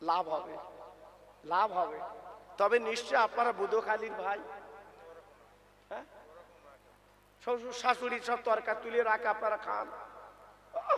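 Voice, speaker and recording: A male preacher giving an emotional sermon, speaking fervently and sometimes slipping into singsong or shouting. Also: very high voice, long reverb tail.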